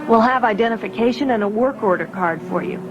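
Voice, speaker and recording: An actress playing a composed, commanding rebel princess who leads a mission. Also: female voice, on the high side, fast talker, muffled recording, natural voice. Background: music.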